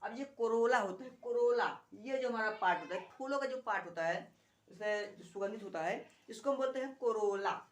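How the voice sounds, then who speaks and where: Higher-pitched woman teaching in an echoey room. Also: a little fast. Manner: repeats terms and asks rhetorical questions. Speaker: biology teacher. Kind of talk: classroom lesson explaining a diagram.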